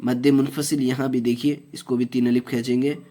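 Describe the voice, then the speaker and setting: A man teaching Quran recitation step by step, explaining each rule slowly, then chanting the verses long and drawn out. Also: medium pitch, flat delivery, mellow.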